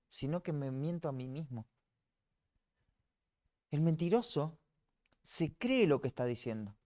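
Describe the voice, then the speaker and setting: A man's voice: on the high side, darkish tone. A man with a Rioplatense Spanish accent teaching a church Bible class, earnest, often restarting and repeating words. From Argentina.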